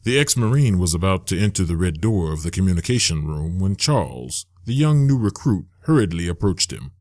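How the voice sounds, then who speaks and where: A man narrating an audiobook in a steady, even reading. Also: low-pitched, brisk, no room sound, studio quality.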